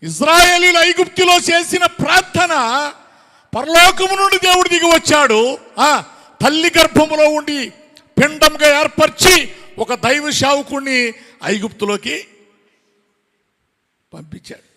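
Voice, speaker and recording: A man preaching an impassioned sermon to his congregation, firing off rhetorical questions and breaking into shouts. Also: extremely high pitch, moderate pace. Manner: addresses the congregation directly. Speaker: pastor. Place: church hall with congregation. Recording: long hall reverb.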